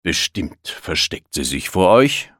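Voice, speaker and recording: A man voicing a kindly old grandfather elephant who murmurs slowly and softly. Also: sits low, sing-song, no echo, clean studio sound, full character voice. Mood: gentle. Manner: slow, murmuring.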